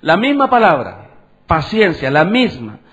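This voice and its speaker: A man preaches a sermon in a high voice that swings up and down a lot. He keeps asking the congregation questions. The recording sounds dull and lo-fi. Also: huge pitch swings, measured pace, a bit bright. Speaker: pastor.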